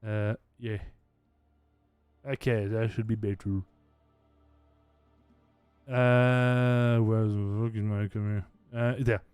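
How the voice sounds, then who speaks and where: A man's voice: on the low side, flat delivery, slow pace, long pauses, a little mellow, clean tone, no room sound, faint music behind. Casual, laughing game master man. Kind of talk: narrating a tabletop game.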